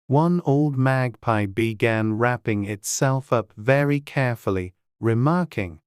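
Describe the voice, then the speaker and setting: A woman's voice: very deep voice, measured pace, darkish tone, smooth, no echo, studio quality. A woman narrating a classic storybook in a dramatized audiobook reading.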